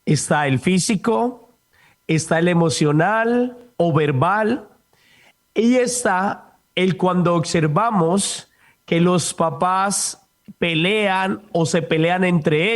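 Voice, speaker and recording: High-voiced priest speaking slowly. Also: male voice. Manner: calm, explanatory. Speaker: priest and host.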